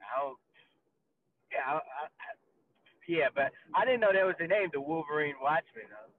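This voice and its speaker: A man co-hosting a casual podcast chat over a video call, ranting and mocking in an animated, profane way. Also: a little high, moderate pace. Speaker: podcast co-host. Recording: tinny phone-like video call line with faint noise.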